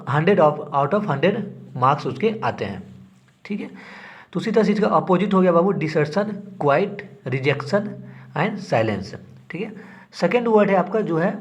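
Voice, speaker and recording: Male exam-prep tutor, fairly high pitch, repetitive explaining, affectionate with viewers. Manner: repeats each word, ends phrases with a tag. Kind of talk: Hindi vocabulary lesson.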